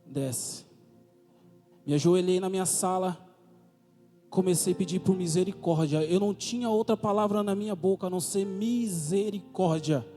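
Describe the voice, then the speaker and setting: This Brazilian man, accent Brazilian Portuguese, delivers a testimony sermon in church, hammering home fervent rhetorical questions again and again. His voice is high and mellow, moving at a moderate pace, heard in a reverberant church hall with music playing.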